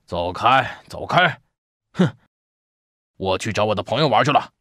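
A man's voice: on the low side, expressive, measured pace, a bit bright, no echo, clean studio sound. A man voicing a boastful, impatient young anteater big brother in a children's storybook reading, scolding and bossy. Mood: irritated.

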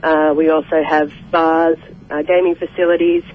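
A woman's voice: low voice, level tone, moderate pace, slight background noise. A woman speaking by telephone in a radio interview, polite and hesitant with many fillers. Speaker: sports club representative. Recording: muffled phone line.

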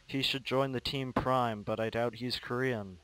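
A man's voice: medium pitch, measured pace, no echo, rough recording. A young man chatting casually and joking while playing a video game with a friend. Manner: excitable, jokey. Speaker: gamer. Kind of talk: casual gameplay commentary.

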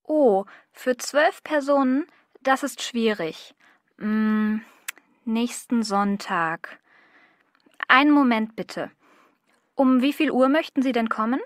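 A woman's voice: fairly high pitch, takes it slowly, pauses often, dry recording, studio quality. A woman playing a polite, helpful restaurant employee in a language-course dialogue.

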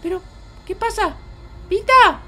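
A woman voicing a mischievous runaway baby boy in a Minecraft roleplay, chatting to the viewers as he sneaks around. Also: brisk. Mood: sneaky. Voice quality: squeaky childlike voice. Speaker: roleplay channel performer.

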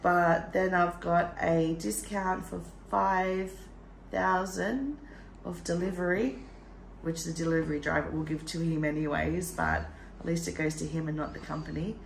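Aussie lady vlogging, croaky morning voice, laughs a lot, kinda low. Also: expressive, unhurried, reverberant, slight background noise, poor audio. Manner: chatty, laughs often. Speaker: travel vlogger. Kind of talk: casual vlog chat and narration.

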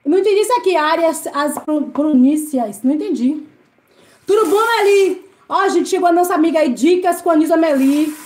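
A woman's voice: very high-pitched, lively intonation, normal speed, darkish tone. A woman from Brazil hosting a casual live stream from home, chatting with viewers and greeting them by name while she cleans. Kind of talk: casual live-stream chat reading comments. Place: home service area. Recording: echoey room with faint noise.

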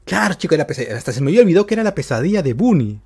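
A man giving excited gameplay commentary to his viewers, yelping and shrieking when he gets caught. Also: fairly high pitch, rapid-fire, husky. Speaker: gaming YouTuber.

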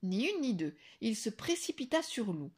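A woman teacher reading a children's picture book aloud with expressive, animated storytelling. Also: on the high side, moderate pace, husky.

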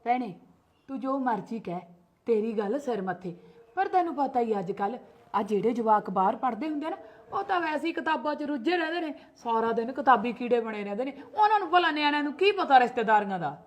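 A woman plays a protective, sharp-tongued mother in a homemade family skit, speaking with a Punjabi accent. Her voice sits a little high, and she argues and scolds, defending herself at every turn. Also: animated, fast talker. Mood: explaining. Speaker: sister-in-law.

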